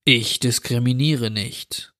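A sinister intruder with a slow, drawn-out way of speaking, as a man voices him. He sounds cold and mocking in a storybook horror tale, and his voice sits in a middle register. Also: medium pitch, bright, forceful tone. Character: menacing drawling male intruder who grants wishes.

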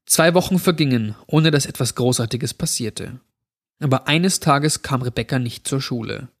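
A man's voice: medium pitch, normal speed. A man narrating a first-person horror story in a dramatic, emotional reading.

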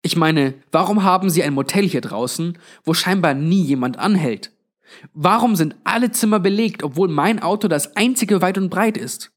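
An alarmed young woman traveler, as a male narrator puts her on, pressing hard with one demanding question after another. The voice is lifted and a little louder than the reader's own, tense and insistent. A storybook heroine who refuses to be brushed off. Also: high voice, animated, normal speed, pitched above the performer's own voice. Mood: urgent. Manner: urgent, questioning.

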